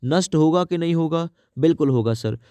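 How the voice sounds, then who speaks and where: A man giving an exam-prep grammar lesson. He asks questions and answers them himself, with a lot of repetition, and reads the example sentences out slowly. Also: on the high side, warm tone, clear, resonant tone, dry recording. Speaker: teacher.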